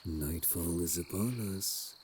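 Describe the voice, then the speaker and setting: Sinister gentlemanly plague doctor , male actor: extremely low, slow, unhurried delivery, theatrical dark-fantasy audio role-play. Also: background noise. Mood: calm, commanding. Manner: archaic, theatrical wording, doting and menacing.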